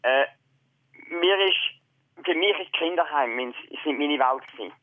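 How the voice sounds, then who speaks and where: A man calling in over the phone, telling his story in a halting, plain way. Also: fairly high pitch. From Switzerland. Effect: heard over the phone. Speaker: caller. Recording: tinny phone line.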